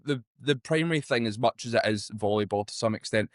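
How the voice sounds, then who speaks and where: A man hosting a podcast, chatty and excitable, swearing casually. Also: mid-range voice, brisk, no echo, studio quality. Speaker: podcast host.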